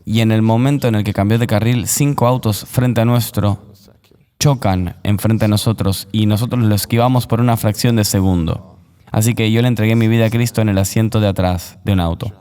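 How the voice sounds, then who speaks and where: Low mellow-voiced man telling a testimony. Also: steady tone, fairly quick, long reverb tail. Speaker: interview guest.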